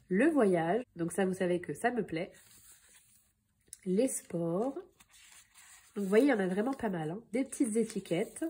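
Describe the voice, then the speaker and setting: A woman scrapbooking vlogger chatting casually through a product haul, with frequent filler pauses. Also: mid-range voice, warm tone, slightly rough. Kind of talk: casual haul video narration.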